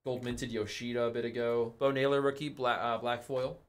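This young man runs a live card break from a studio, announcing his pulls in a relaxed, talkative manner and perking up with excitement when something big appears. He speaks briskly in a mid-range voice.

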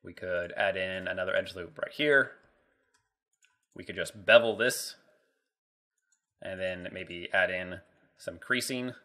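Bright-toned man narrating a software tutorial. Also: low-pitched, takes it slowly, long pauses. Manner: casual, thinking aloud while working. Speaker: 3D modeling instructor.

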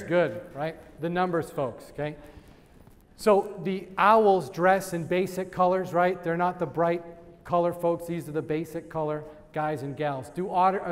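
A man giving a lively sales training talk to a live audience, quizzing the crowd and laughing often. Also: fairly high pitch. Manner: energetic, asks the crowd questions and laughs. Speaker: real estate sales trainer. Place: event room with audience. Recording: long hall reverb.

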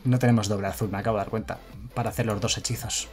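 A man's voice: fairly low pitch, steady tone, very fast, darkish tone, faint music behind. A man commenting live on his card game, chatting casually and reading viewer messages aloud. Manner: chatty, reads chat aloud and thanks followers. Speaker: streamer.

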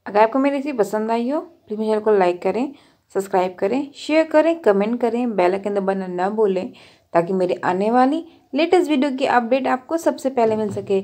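A woman's voice: a little high, animated, fairly quick, dark tone. A woman hosting a cooking channel, patiently talking through each step of a recipe in a voice-over with practical tips.

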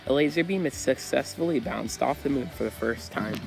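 A teenage male narrator reads a scripted history segment with a creaky, mid-pitched voice. Faint music plays underneath. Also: brisk, low-quality recording. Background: light background music.

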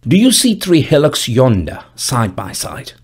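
A man voicing a stern, dry-humored gravedigger of about fifty, speaking in a grave, measured, solemn way in an audiobook. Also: medium pitch, wildly swooping pitch, breathy edge, full character voice. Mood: ominous. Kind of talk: audiobook character voice.

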